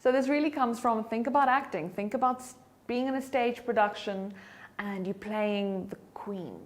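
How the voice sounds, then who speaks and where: A woman giving a motivational talk on voice and confidence. Her voice is expressive, moving in pitch and loudness for emphasis, and she drops to a soft whisper to demonstrate breathing. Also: normal speed. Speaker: keynote speaker and voice coach.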